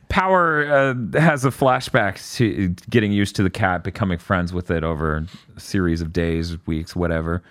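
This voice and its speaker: A man hosting a casual podcast, retelling an episode with lots of laughter and quick put-on voices for the characters. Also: low voice, fairly bright tone. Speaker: podcast host. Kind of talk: casual chat recapping an anime episode.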